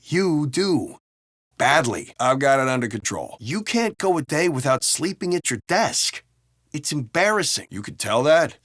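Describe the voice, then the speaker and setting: In a video game, a foul-mouthed city cop with an American accent gripes in wry, casual banter, his exaggerated voice a little high for a man and swinging lively in pitch. He keeps a measured pace, and the recording is dry, close to clean, with no room sound.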